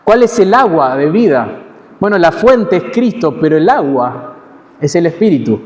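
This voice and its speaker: Higher-voiced Argentine preacher in reverberant hall. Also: male voice, very animated, darkish tone. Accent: Argentine Spanish. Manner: measured, teaching, with pauses and self-corrections. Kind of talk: expository sermon. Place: church hall. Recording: long church hall reverb.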